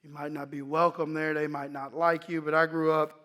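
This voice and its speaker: A guest speaker in his forties from East Dallas, Texas, stands at a pulpit microphone in a church sanctuary to give his personal testimony. His voice is a little high and fairly bright with little pitch movement, and he recounts his life story haltingly and reflectively, restarting often.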